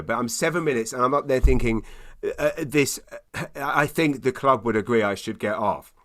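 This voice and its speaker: A British stand-up comedian with a medium-pitched voice tells a comic anecdote in casual conversation. He's animated and self-deprecating, stammering and repeating himself as he goes.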